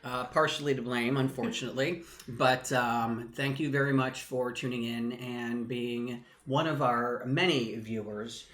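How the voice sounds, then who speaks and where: A man's voice: mid-range voice, fairly even intonation, unhurried, a bit bright, roomy sound. A man co-hosting a casual talk show, easygoing and chatty, with a habit of repeating the same stock phrase. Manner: easygoing, repeats "that's for sure". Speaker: co-host. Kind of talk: casual chat.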